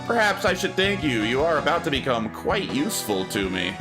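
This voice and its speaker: Man putting on a slow, theatrical, menacing villain overlord. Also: a little high, very animated, over music. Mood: smug menace. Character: slow, gloating male dark-lord villain, menacing. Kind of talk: video game dialogue read aloud.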